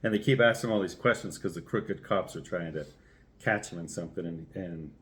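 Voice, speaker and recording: Low-voiced man chatting in a casual vlog. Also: fairly quick. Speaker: vlogger, first-time ice bath participant. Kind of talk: casual chat, personal vlog storytelling.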